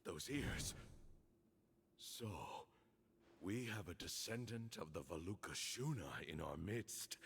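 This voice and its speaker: A man's voice: low-pitched, expressive, slow pace, gravelly, long pauses, fairly bright tone, a little hiss or hum, heavily acted. A man voicing an ailing old temple leader, a gloating villain in a video game, delivering a grandiose, menacing monologue. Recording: game dialogue with music underneath. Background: music.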